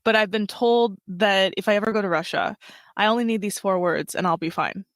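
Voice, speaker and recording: A woman's voice: medium pitch, fairly quick, no echo. An American woman hosting a podcast in a casual, bubbly interview chat, laughing often and acting out the voices she quotes. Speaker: podcast host.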